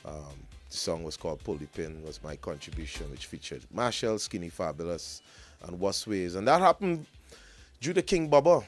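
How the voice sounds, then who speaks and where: A man with a slightly low voice chats in a radio studio. He tells his stories with animation and laughs easily. Faint music plays beneath the conversation. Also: normal speed. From Guyana. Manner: animated storytelling, laughs often. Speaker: soca artist guest. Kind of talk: casual radio interview.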